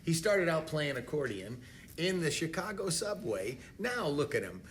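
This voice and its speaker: An actor playing a wisecracking lounge host who tells punchy jokes with slow timing. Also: male voice, a little high, sing-song, fairly bright tone, a little hiss or hum. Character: wisecracking Italian-American lounge host, brash.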